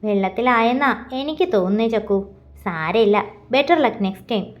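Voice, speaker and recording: A woman's voice: on the high side, animated, a little slow, lo-fi sound. A woman voicing Unni, a teasing, easygoing young male friend in a storybook.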